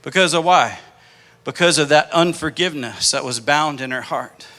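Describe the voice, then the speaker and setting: A male pastor preaches with an impassioned, storytelling manner. His voice sits high for a man and sounds bright and forceful. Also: moderate pace. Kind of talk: sermon.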